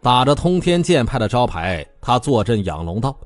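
Lively male audiobook narrator. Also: mid-range voice, normal speed, no echo. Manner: animated, comic storytelling. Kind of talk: scripted storybook narration.

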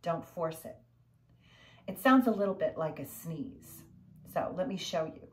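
Low-pitched older woman, slow and measured. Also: lively intonation. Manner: measured, instructional, short phrases with pauses. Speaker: yoga breathing instructor. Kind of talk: guided breathing lesson. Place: furnished living room, indoors.

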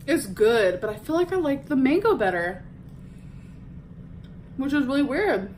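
A young woman with a slightly high voice talks casually to her viewers while chewing, her words a little muffled by the food in her mouth. A faint hum of room noise sits behind her. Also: big pitch swings, measured pace, darkish tone. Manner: chatty, addresses viewers directly. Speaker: vlogger. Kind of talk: casual taste-test chat.

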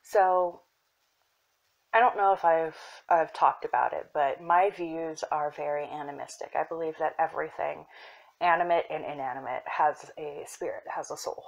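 A young woman casually showing her herb collection, soft-spoken and unhurried, with fillers and self-corrections that sometimes drop into a whisper. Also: low voice, gravelly, lo-fi sound. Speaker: apothecary shop owner. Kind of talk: casual show-and-tell.

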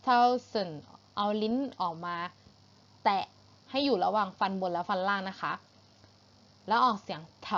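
A woman with a Thai accent teaching English to young pupils, patient and repeating each word slowly for pronunciation. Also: medium pitch, fairly bright tone, muffled recording. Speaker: primary school English teacher. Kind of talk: online English lesson for children.

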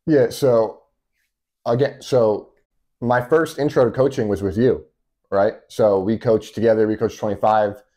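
Young male guest, mellow low voice, direct and chatty, small studio. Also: steady tone, measured pace. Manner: direct, storytelling, many fillers. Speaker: guest, baseball coach. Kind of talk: casual interview. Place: small indoor studio room.

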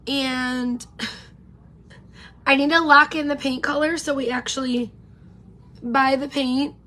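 A beauty vlogger in her thirties does her makeup on a live stream from an indoor room lit with pink neon, rambling through a casual get-ready-with-me chat and greeting viewers by name. Her high, bright voice is losing out and sounds worn, yet it stays steady, slow and forceful. The camera sits close in front of her, and a slight hiss or hum runs under the audio.

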